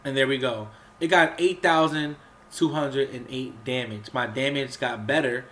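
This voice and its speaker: With a mid-range, fairly bright voice and fairly even intonation, a male gaming host talks through a game at a moderate pace, rambling with plenty of fillers and restarts. His cold makes him sound a bit off, he coughs and clears his throat, and there's a little hiss or hum.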